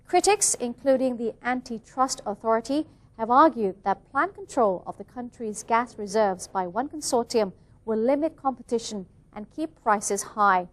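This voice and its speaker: A woman's voice: on the high side, expressive, moderate pace. A woman reading scripted television news as an anchor.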